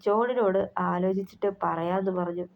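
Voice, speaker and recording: A woman's voice: medium pitch, normal speed, lightly acted. A woman voicing an older mother who presses her family about a marriage proposal, in a persuasive, motherly way. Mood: urging. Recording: slightly muffled recording.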